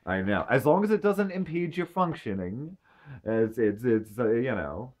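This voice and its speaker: A man in casual chat who agrees warmly and gushes with reassurance. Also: mid-range voice, lively intonation. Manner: agreeable, gushing, quick to reassure. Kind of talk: casual one-sided chat. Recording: dull lo-fi sound.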